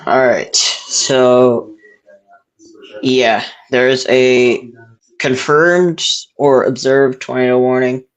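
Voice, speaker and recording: Male weather co-host reading alerts: slow, monotone, halting, matter-of-fact. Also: medium pitch, rough recording. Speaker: co-host reading warning updates.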